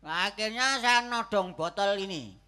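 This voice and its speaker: An actor playing a poor, sick husband who is stubborn and moralizing, in a loud, exasperated stage comedy style. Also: male voice, high-pitched, moderate pace, clean tone. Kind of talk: stage comedy theatre acting.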